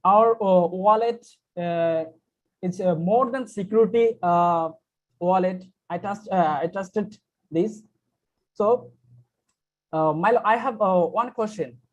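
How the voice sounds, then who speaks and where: Bangladeshi-accented guy on a video call, talks real slow, keeps stopping to find his words. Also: high-pitched, lo-fi sound. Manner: slow, searching for words, many fillers. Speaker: meeting attendee asking a question. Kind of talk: halting, hesitant speech.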